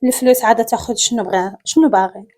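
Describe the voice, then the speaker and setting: A woman's voice: a little high, steady tone, fast, mellow, close to an everyday voice. Narrator doing a frightened, hesitant young woman; Moroccan accent, storybook. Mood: tense pleading. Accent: Moroccan Arabic. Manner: hesitant, pleading. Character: frightened young woman, proud but desperate.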